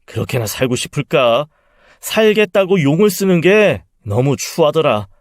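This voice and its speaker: A man's voice: a little high, very animated, normal speed, no room sound, studio quality. A man voicing a spiteful, scheming middle-aged son-in-law who mocks his sick mother-in-law. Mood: sneering. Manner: contemptuous, then flustered and pleading.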